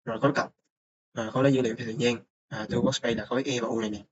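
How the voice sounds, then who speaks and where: Young male student presenter, halting delivery full of fillers, dull low-fi mic with faint hiss. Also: steady tone. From Vietnam. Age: young adult. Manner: hesitant, many filler sounds. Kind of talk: screen-recorded course report.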